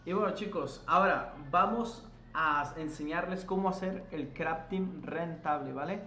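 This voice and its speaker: A man's voice: fairly high pitch, measured pace. A man hosting a casual gameplay tutorial, chatting to his viewers and correcting himself as he explains. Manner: chatty, addresses viewers as "chicos", self-corrects while explaining. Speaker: gaming tutorial host. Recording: echoey room with faint noise.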